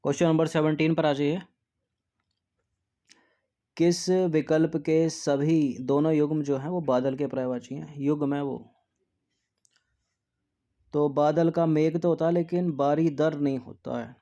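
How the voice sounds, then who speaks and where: Man, exam tutor, repeats words, mellow dark tone. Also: fairly even intonation, unhurried, pauses often. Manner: repeats words to drill spelling; drops to a soft low aside after answers. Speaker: teacher. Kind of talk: exam practice lesson.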